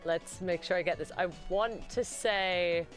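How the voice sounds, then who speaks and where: A woman hosting a live-stream showcase, gushing loudly and yelling with excitement, swearing freely. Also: lowish voice, a little slow, soft background music. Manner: loud, gushing, yells when excited, swears a lot. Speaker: host.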